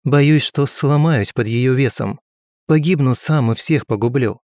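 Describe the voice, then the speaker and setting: A man's voice: mid-range voice, a little slow, darkish tone, dry recording, clean studio sound, natural voice. A man voicing an anxious young grand duke who speaks in an earnest, pleading way.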